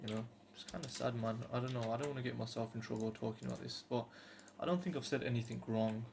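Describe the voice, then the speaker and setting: Speaking at a quick pace with vocal fry in a medium-pitched voice, this man from the United Kingdom, in his twenties, vlogs to camera. He is casual and earnest but hesitant and rambling, and faint background noise can be heard.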